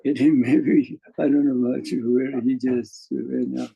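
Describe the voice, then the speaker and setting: A man with a Japanese accent giving a dharma talk as a Zen teacher, halting and full of fillers and chuckles. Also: medium pitch, steady tone, gravelly, dark tone, husky, muffled recording.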